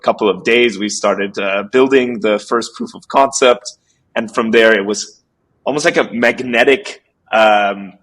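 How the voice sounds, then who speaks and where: Male founder, 30s, from Switzerland; low voice, loose and rambly interview talk with lots of fillers. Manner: relaxed, rambling with many fillers and restarts. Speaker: startup founder guest. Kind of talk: casual interview conversation.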